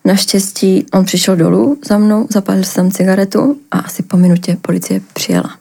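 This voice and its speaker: Young woman from around ostrava telling her story on a podcast, hesitant, lots of fillers, soft dark voice. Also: mid-range voice, lively intonation, creaky, slightly rough. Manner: halting, hesitant, many filler words. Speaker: podcast guest. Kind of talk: personal account in a podcast interview.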